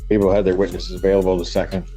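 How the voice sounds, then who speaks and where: A man's voice: low voice, completely flat delivery, rapid-fire, warm tone, soft background music. A man serving as judge, patiently explaining a ruling step by step in a courtroom recording. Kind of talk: courtroom proceedings.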